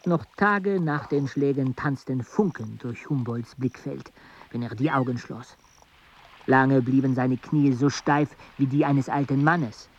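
In a radio drama, an actor voices a dry, sardonic male botanist narrating an expedition, delivering measured, lightly acted narration at an even pace. His voice is mid-range. The recording sounds dull, with a little hiss or hum and loud outdoor ambience.

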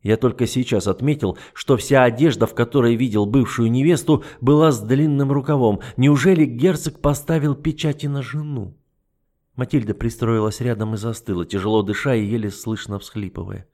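A man reading first-person fantasy narration in a measured, even storytelling manner. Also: medium pitch. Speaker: audiobook narrator.

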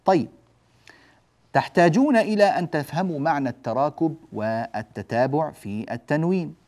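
A man teaching the rules of Quran recitation, explaining step by step, drawing on a board, checking that the class follows, and stretching out example words slowly. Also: fairly high pitch, dark tone. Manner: explains step by step and often asks the class "جيد؟". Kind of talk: classroom lesson on tajweed rules.

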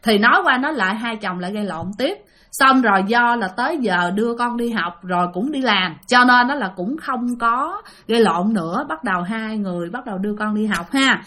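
A woman's voice: on the high side, expressive, a little fast, pushed and bright. A woman with a Southern Vietnamese accent telling a ghost story chattily, often addressing her listeners.

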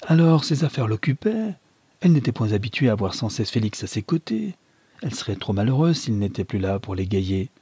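A man voicing a businesslike husband who calmly soothes and dismisses his wife in a read novel. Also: lowish voice, fairly quick, breathy edge, dry recording, exaggerated voice. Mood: patronizing. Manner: calm, patronizing reassurance.

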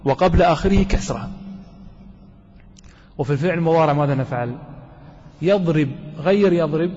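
A man teaching a grammar lesson to a class. He often puts questions to his students and repeats words slowly. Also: on the high side, darkish tone. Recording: dull lo-fi recording with long hall reverb.

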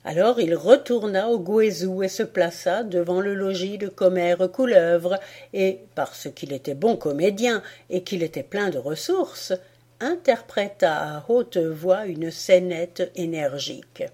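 A woman reading a folk tale aloud as an audiobook, in an expressive storytelling manner. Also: fairly low pitch, measured pace. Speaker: audiobook reader. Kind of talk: storytelling narration.

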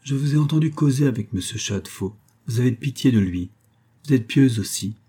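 Male narrator as a dignified grieving lady, firm, earnest, husky voice. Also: on the low side, mellow. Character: dignified grieving middle-aged woman, firm.

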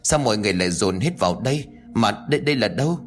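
A man's voice: on the low side, lively intonation, racing, soft background music. A man voicing an old man who has just woken up, urgent and confused. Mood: frantic. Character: old man waking in alarm, frantic.

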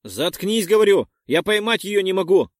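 A man's voice: medium pitch, a little fast, dry recording, studio quality, lightly acted. A man voicing a cheeky young man who teases and taunts. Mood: angry. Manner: taunting, raised voice.

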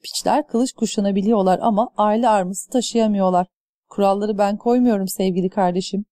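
A woman's voice: medium pitch, steady tone, fairly quick, dark tone, dry recording, close to an everyday voice. A woman reading the lines of a wry fourteen-year-old boy who teases his younger sister. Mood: teasing. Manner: dry, teasing.

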